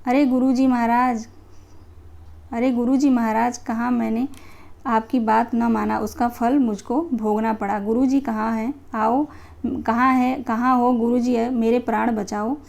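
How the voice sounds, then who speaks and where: A woman's voice: a little high, little pitch movement, unhurried, vocal fry, a little mellow. A woman reading the lines of a frightened young male disciple who begs to be saved from the gallows, read aloud from a play text. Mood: pleading. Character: doomed young male disciple, pleading and wailing.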